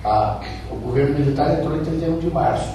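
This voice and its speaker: A very echoey, distant recording of an older Brazilian man with an interior São Paulo accent. He speaks in a fairly high voice, giving a motivational speech. His delivery is emphatic, built on repeated phrases and rhetorical questions. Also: fast talker, dark tone. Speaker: radio broadcaster giving a talk. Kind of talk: motivational public speech with personal anecdotes. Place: echoey room at a speaking event. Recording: echoey hall, distant mic, faint noise.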